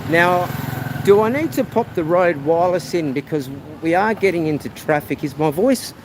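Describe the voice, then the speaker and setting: A man streams live while strolling beside a busy country road, rambling chattily and addressing his audience as "guys." He projects loudly in a high-pitched, expressive voice at a moderate pace, competing with heavy traffic and motorbike noise.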